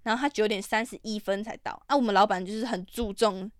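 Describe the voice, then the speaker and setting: A young woman with a Taiwanese Mandarin accent hosting a podcast, telling stories in a casual, profane style that bursts into loud, animated rants. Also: medium pitch, fast talker, no room sound, clean studio sound. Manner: profane, ranting, animated outbursts. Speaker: podcast host. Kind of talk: casual storytelling monologue.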